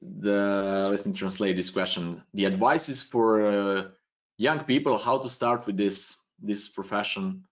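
A man with a Serbian accent answers viewer questions in a live webcam tutorial, speaking English as a second language and thinking aloud. His voice sits a little low. The stream audio is dull and lo-fi, from a small home room. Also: unhurried. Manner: loose, thinking aloud, non-native phrasing. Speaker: webinar presenter answering questions. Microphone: webcam video call.

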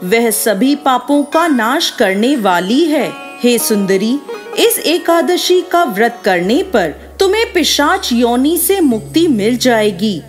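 A woman's voice: a little high, very animated, slow pace, faint music behind. A woman voicing a stern, devout male sage who speaks in solemn pronouncements in a devotional story.

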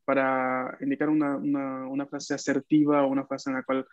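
A man's voice: mid-range voice, monotone, moderate pace. A man teaching an online class, patiently repeating phrases for students to echo back. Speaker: language teacher. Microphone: video call. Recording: dull dry video-call audio.

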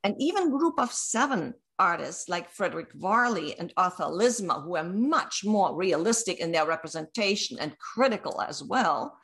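A middle-aged woman giving a measured academic keynote lecture over slides on a video call, reading from a prepared text with occasional fillers. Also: lowish voice, animated, fairly bright tone. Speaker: keynote speaker. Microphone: webcam on video call.

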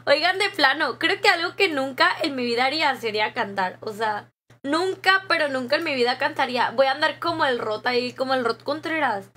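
A woman's voice: high voice, animated, a little fast, sharp tone. A young Mexican woman streaming live, chatting casually with viewers and reading their comments aloud, with frequent laughs. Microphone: desk microphone.

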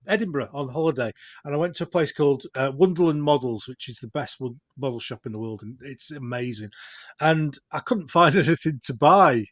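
A man with a Yorkshire accent chatting casually as a podcast host, in a rambling, self-deprecating manner. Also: a little high. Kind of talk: casual chat.

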